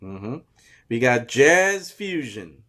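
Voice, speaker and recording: A man's voice: mid-range voice, very animated, very slow, bright, forceful tone. A man co-hosting a casual soccer fan podcast, greeting viewers by name in an easygoing way. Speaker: co-host.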